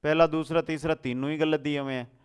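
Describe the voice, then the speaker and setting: A man's voice: a little high, fairly even intonation, fairly quick, clean tone. A man with a Rajasthani Hindi accent teaching an exam coaching lesson from India, quizzing students and answering his own questions.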